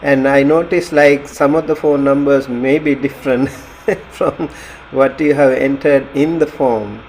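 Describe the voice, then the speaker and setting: Over a video call, a man teaches an online class in a casual way, speaking slowly and haltingly with many fillers and frequent laughter. His voice is mid-range, steady and somewhat dark. The audio is poor, with a faint background hum beneath him.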